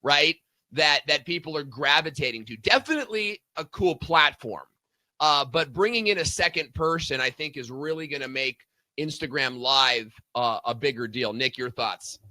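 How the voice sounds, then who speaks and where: A man's voice: fairly high pitch, animated, normal speed, bright, forceful tone, no room sound. A man hosting a casual business talk show, chatting in a friendly, conversational way with fillers. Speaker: show host.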